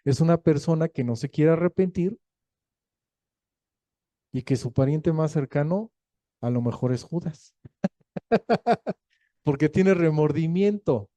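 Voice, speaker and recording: Dark-voiced pastor preaching. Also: male voice, fairly high pitch, takes it slowly, long pauses, dry recording. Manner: lively storytelling, acting out quoted voices; jokey, laughs between points. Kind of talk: sermon.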